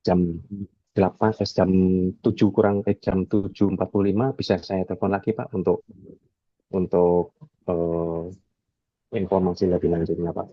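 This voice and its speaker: A man trainee practicing a polite sales phone call, halting with many hesitations. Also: sits low, flat delivery, no echo.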